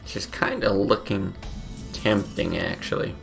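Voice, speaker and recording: A man's voice: low voice, unhurried, vocal fry, soft background music. A sleepy man with his morning voice, casually thinking aloud while playing a card game, with many fillers. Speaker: game streamer. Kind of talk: casual gameplay commentary.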